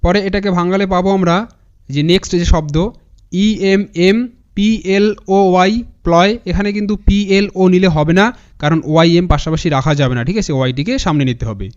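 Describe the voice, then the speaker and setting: A man teaching English pronunciation with a Bengali accent, spelling words out letter by letter and repeating them slowly. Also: high-pitched, clean tone, highs cut off. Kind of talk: spoken lesson.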